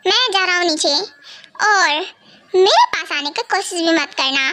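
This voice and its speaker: A woman's voice: very high voice, lively intonation, moderate pace, bright, forceful tone, dry recording, full character voice. A woman voicing a cocky, sulking young husband in an amateur fan dub, speaking in a huffy, scolding way. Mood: irritated.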